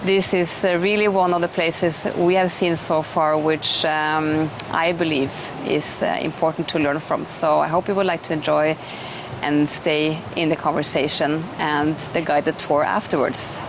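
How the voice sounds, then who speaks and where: A woman's voice: sits low, level tone, unhurried. A middle-aged woman, hosting an interview in a chatty, enthusiastic way with many restarts. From Norway. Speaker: host. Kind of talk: casual conversational interview. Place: outdoors in an eco village. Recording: noisy outdoor recording.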